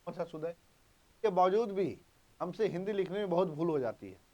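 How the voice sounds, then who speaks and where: A man's voice: high voice, animated, moderate pace, darkish tone, highs cut off. A man teaching an exam-prep grammar lesson, emphatic and repetitive, quizzing his students as he goes. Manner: emphatic, repeats key points, quizzes students.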